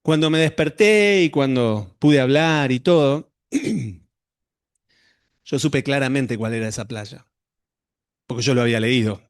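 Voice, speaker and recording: A man's voice: mid-range voice, takes it slowly, pauses often, smooth, no room sound, clean studio sound. A middle-aged male pastor, telling a personal story to his congregation in a conversational sermon.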